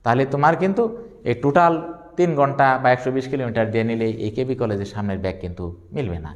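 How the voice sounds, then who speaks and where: A man, lecturing on physics, who asks questions and answers them himself and repeats key terms slowly. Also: mid-range voice, long reverb tail. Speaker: physics teacher. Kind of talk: classroom lecture.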